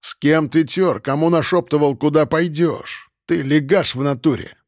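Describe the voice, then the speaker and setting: A man's voice: fairly high pitch, moderate pace, no room sound, natural voice. Suspicious hardened crook, blunt, as a man voices him, close dry read. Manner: blunt, sneering interrogation. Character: suspicious grim criminal, gruff man.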